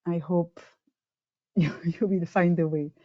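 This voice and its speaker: Woman, meeting host, unhurried, halting with fillers, muffled dry call audio. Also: on the low side, steady tone, no room sound. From Belgium. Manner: hesitant, many fillers. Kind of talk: online meeting welcome. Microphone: video call.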